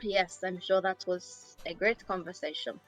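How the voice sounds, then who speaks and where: A woman's voice: on the low side, steady tone, unhurried, faint music behind, pitched above the performer's own voice, natural voice, low-quality recording. A player voicing an unimpressed, sarcastic woman leaning at the back of a tavern. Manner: dry, sarcastic.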